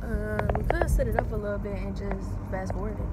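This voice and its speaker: Young woman vlogging over loud noise. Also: mid-range voice, steady tone, brisk, distant mic. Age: young adult. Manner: slangy, playful, profane. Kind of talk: casual vlog chat. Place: mostly inside a car at night. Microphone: handheld or dash-mounted phone. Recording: very noisy phone recording.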